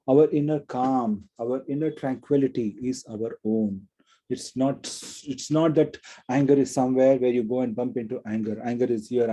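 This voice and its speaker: A spiritual speaker gives an earnest talk and tells a moral story, repeating words for emphasis and frequently restarting. His mid-range voice is warm with a breathy edge, though the audio is poor.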